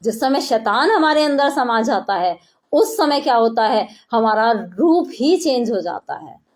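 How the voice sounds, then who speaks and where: A woman's voice: on the high side, lively intonation, unhurried. A middle-aged woman preacher giving an earnest sermon, repeating key phrases for emphasis.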